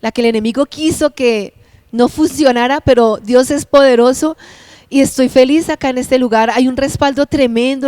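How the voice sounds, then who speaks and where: Middle-aged woman pastor, heartfelt testimony, slightly high voice, dry close sound. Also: darkish tone, smooth, no echo. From Bogotá, Colombia. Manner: heartfelt, earnest and emotional. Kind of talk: personal testimony.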